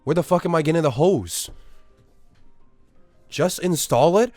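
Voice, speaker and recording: A man's voice: a little high, lively intonation, a little slow, darkish tone, no echo, faint music behind. A young man, ranting in a casual, profane way at his live-stream chat. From Australia. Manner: incredulous, profane, exaggerated ranting.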